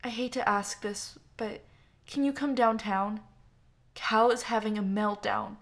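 A woman's voice: mid-range voice, unhurried, lightly acted. A woman voicing a young man who calls late at night, apologetic and urgent, in an audiobook.

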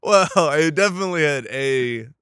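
A man's voice: a little high, expressive, normal speed, a bit bright, smooth. A man co-hosting a podcast in casual chat, teasing playfully and laughing through his lines. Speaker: podcast co-host.

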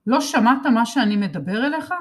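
A woman's voice: a little high, lively intonation, natural voice. A woman voicing a bossy, mocking teenage older brother in a storybook reading. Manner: taunting, sneering.

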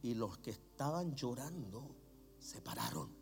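A middle-aged man with a Chilean Spanish accent, preaching a sermon as a pastor, swinging from low murmurs to shouts. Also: huge pitch swings, unhurried, soft background music.

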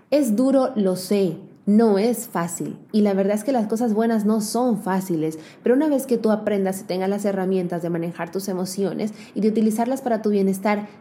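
A woman giving an earnest motivational talk to women, speaking straight to the listener and slowing down to stress key words. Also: medium pitch. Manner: addresses the listener directly and warmly.

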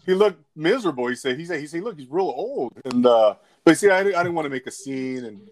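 A man's voice: on the high side, animated, fast. A man rambling through a secondhand story in casual podcast chat. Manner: rambling storyteller with lots of restarts.

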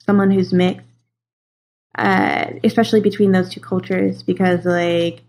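A woman's voice: on the low side, level tone, measured pace, darkish tone. A young woman from Los Angeles, a guest in a casual interview, talking in a chatty way with many fillers and easy laughter.

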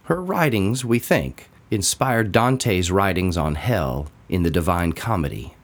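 A low-voiced man reads a daily devotional from a script, taking it slowly and leaving deliberate pauses between phrases. His delivery stays measured from start to finish, yet it is expressive too.

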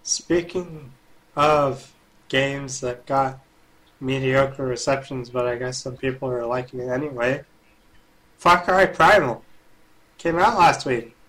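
A man's voice: mid-range voice, slow pace, pushed and bright, rough recording. A man co-hosting a gaming podcast in casual, joking chat. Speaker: podcast co-host.

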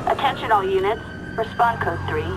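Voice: medium pitch, lively intonation, normal speed, over loud music, poor audio. A dispatcher putting out a clipped call to all units over a police radio.

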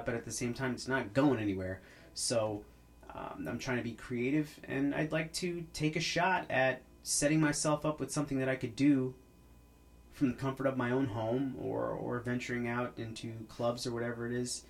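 A man talks alone on his podcast. He rambles in an easy, casual way, stumbling over his words and restarting often. His voice sits at an ordinary middle pitch. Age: 30s. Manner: rambling, with many restarts and fillers. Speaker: podcast host. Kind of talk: casual monologue.

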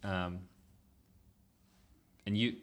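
A man's voice: low-pitched, fairly even intonation, drawn-out words. Chatty man hosting a podcast. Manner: rambling, laughs often. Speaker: podcast host. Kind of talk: casual chat.

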